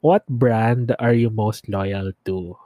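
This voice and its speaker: Slow-talking laid-back man. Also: on the low side, dark tone, dry recording, clean studio sound. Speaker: podcast co-host. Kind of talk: casual chat.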